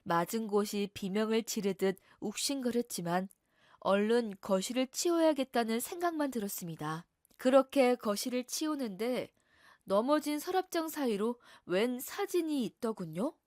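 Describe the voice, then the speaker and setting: A woman narrating a personal story in a quiet, mournful way. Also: fairly high pitch, dry recording, clean studio sound.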